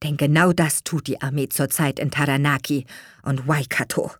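A woman's voice: on the low side, animated, a little slow, dry recording, studio quality. A woman voicing a firm, indignant young man standing up to his parents in an audiobook reading. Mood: firm defiant.

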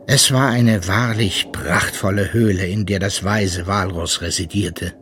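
A man narrating a children's story aloud in an expressive, unhurried way. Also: sits low, a little hiss or hum.

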